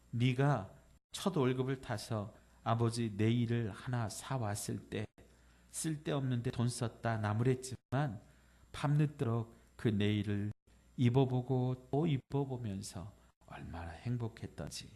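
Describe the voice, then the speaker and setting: A male pastor giving a Sunday sermon, reading a poem and a letter aloud gently and slowing down on the tender lines. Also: mid-range voice. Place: church sanctuary.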